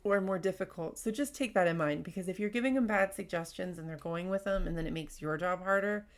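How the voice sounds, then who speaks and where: A woman hosting a casual advice podcast, talking fast and candidly while she reads out workplace stories and comments. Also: lowish voice. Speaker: podcast host.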